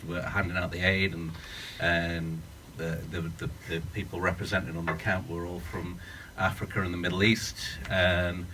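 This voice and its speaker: Speak as a low-voiced, bright British man. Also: flat delivery, normal speed, hardly any pauses, slight background noise. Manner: earnest, thinking aloud with restarts. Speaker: writer-director. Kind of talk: post-screening Q&A talk. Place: screening room. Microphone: no working mic, speaking up. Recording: distant room sound.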